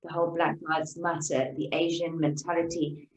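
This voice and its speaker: A woman's voice: low voice, level tone, moderate pace. Woman host, effusive and encouraging, lots of restarts, echoey room sound. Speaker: interview host. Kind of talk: conversational interview. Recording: roomy echo, distant from the mic.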